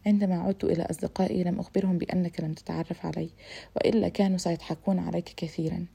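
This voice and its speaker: A woman's voice: on the low side, flat delivery, very fast, vocal fry, dark tone, husky, exaggerated voice. A woman reading the lines of a playful, self-assured young woman of twenty-six in an audiobook. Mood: teasing.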